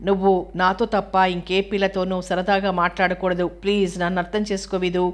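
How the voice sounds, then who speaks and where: A woman's voice: fairly low pitch, little pitch movement, brisk, lightly acted. A woman voicing a sulky, jealous young girl in an audiobook reading of a novel.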